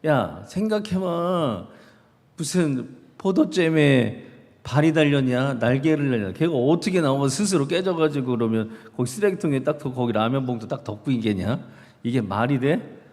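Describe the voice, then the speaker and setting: A man's voice: mid-range voice, expressive, creaky. A man doing a scolding angry mother. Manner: sharp, rapid scolding questions. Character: scolding mother, angry at her young son. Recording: reverberant church hall.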